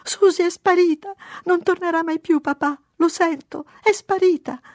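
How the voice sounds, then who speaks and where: A reader puts on a heartbroken little girl who wails through her tears, her voice pitched very high and loud. The reader's own voice sounds dry and close. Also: normal speed, dry recording. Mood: sobbing. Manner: crying, high and wailing. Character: sobbing little girl, heartbroken over her lost dog.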